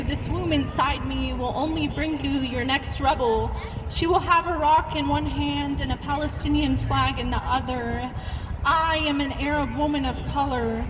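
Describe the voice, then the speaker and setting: A woman reciting a defiant spoken-word poem at a rally, in an impassioned delivery. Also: high-pitched. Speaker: rally speaker. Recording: reverberant outdoor PA with street noise.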